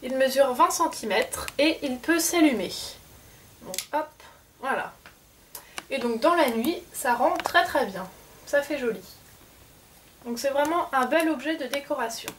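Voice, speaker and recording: A woman's voice: high-pitched, measured pace, pauses often, far from the mic. A woman casually showing her souvenir collection to the camera, chatty and hesitant with many fillers. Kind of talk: casual unboxing vlog. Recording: off-mic with faint background noise.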